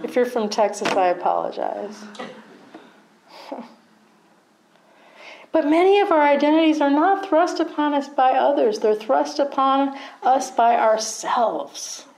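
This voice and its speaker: A woman's voice: high voice, expressive, unhurried, gravelly, pauses often, darkish tone, rough recording. A middle-aged woman teaching meditation in a conversational dharma talk, often checking in with her listeners and laughing at herself.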